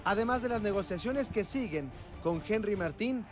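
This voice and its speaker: A man's voice: high voice, expressive, normal speed. A man reading a scripted sports report as voice-over. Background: music.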